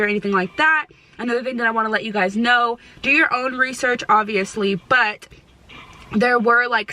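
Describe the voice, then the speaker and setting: In a low-quality recording, a young woman from the United States chats casually to camera as a vlogger. Her fairly high, sharp voice delivers emphatic, sweary stoner slang, and she keeps repeating herself.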